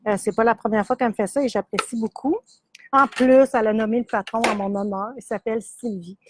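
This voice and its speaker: A woman's voice: a little high, fairly even intonation, fast talker, a little hiss or hum. A middle-aged woman with a Québécois French accent, chatting casually as she shows yarn and sock blanks on a live stream, full of fillers and easy laughs. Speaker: yarn shop host. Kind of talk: casual live product demo.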